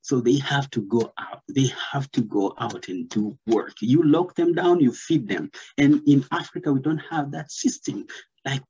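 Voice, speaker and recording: A Tanzanian man in his thirties talks earnestly into a laptop webcam, pausing often on fillers. His voice is a little husky and mid-pitched. The sound is muffled and lo-fi, like a video call. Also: lively intonation, dark tone. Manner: earnest, many fillers, gestures while talking. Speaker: commentator. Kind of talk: casual video-call commentary. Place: plain room, indoors.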